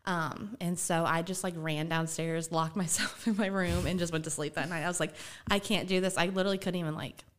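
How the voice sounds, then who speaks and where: A woman's voice: fairly low pitch, fairly even intonation, fairly quick, few pauses. Chatty young woman guest. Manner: chatty, laughs often while telling. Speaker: podcast guest. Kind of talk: casual storytelling.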